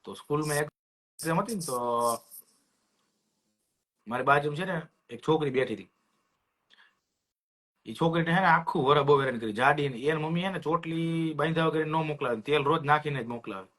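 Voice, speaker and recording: A man with a high-pitched voice, chatting casually as a co-host. He tells lively stories and acts out the voices of the people in them. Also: normal speed, pauses often. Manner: lively anecdotes, acts out classmates' lines. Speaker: podcast co-host. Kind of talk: casual storytelling chat.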